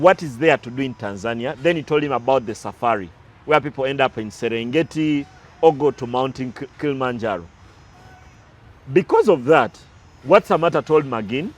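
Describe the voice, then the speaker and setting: A man talking through recent football matches as a pundit, analytical and prone to side stories, with some restarts. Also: a little high. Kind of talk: casual sports talk.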